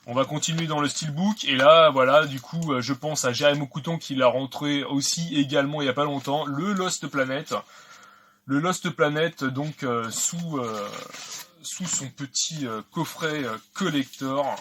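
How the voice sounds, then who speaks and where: A man's voice: on the high side, measured pace, fairly bright tone, a little hiss or hum. A man casually talking through an unboxing of video games, chatty and hesitant with many fillers. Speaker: video game collector vlogger.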